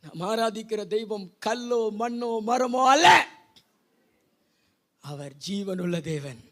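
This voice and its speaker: High-voiced pastor preaching fervently. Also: male voice, slow pace. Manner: swings from quiet urging to loud shouted declarations; high-pitched, repeats phrases for the congregation to echo. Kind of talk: Pentecostal sermon with call-and-response. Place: church service before a congregation.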